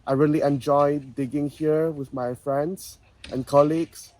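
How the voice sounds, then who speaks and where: A man's voice: a little high, fairly even intonation, unhurried, mellow, poor audio. A young man from Malaysia, an archaeology student, speaking hesitantly with many ums. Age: young adult. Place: outdoor excavation site.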